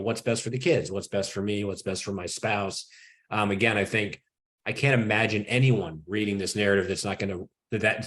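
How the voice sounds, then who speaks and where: A man hosting an interview, reflecting out loud in a halting way with many false starts. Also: lowish voice. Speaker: interview host. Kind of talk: conversational interview.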